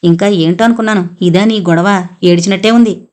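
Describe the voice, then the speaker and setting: A woman's voice: mid-range voice, fairly even intonation, brisk, a little mellow, close to an everyday voice. A woman voicing an exasperated middle-aged mother who brushes off her daughter's complaints in an audiobook novel. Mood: impatient. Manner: scolding, impatient.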